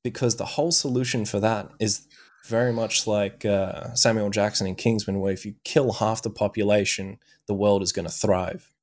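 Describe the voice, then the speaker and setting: A man's voice: on the low side, fairly even intonation, moderate pace, darkish tone. A man co-hosting a movie podcast, casually retelling an anime plot with lots of swearing and fillers. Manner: swears freely, loose storytelling with many fillers. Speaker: podcast co-host.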